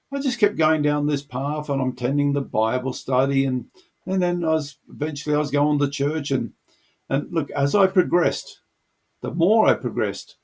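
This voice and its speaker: A middle-aged man speaks with a husky, slightly breathy voice at a mid pitch. He tells his personal faith testimony in an earnest, reflective way. His voice sits in the middle of the male range. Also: a little mellow. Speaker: channel host sharing his testimony.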